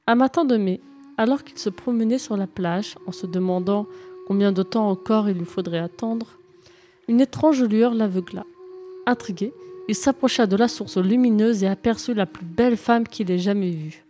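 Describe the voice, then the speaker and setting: A woman narrating a fairy tale in calm, even storybook reading. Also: medium pitch, moderate pace.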